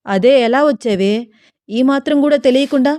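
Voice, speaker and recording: A woman's voice: high-pitched, normal speed, warm tone, no echo, studio quality, voice pushed up, close to an everyday voice. A woman voicing a teasing, eager young husband who scolds playfully.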